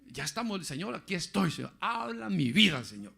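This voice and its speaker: High gravelly man preaching. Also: sing-song, a little fast, sharp tone. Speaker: pastor. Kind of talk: sermon.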